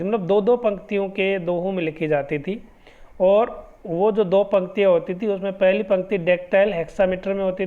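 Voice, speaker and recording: A man giving an exam-prep literature lesson, explaining step by step and reading English definitions slowly. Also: high-pitched. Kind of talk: exam-prep lecture in Hindi mixed with English. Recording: tinny phone-like lo-fi audio.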